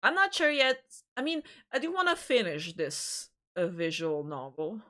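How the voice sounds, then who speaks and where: A woman's voice: medium pitch, normal speed, pushed and bright. A woman hosting a livestream, chatting casually with viewers in a giggly, rambling way, often restarting her sentences. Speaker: livestream host.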